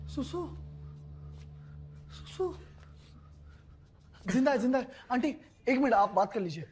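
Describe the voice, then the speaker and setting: A worried student friend. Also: male voice, extremely high pitch, sing-song, slow, exaggerated voice. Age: young adult. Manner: anxious, stammering on the phone, then consoling. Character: young male student, caring friend. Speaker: student preparing for entrance exams. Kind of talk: scripted series acting.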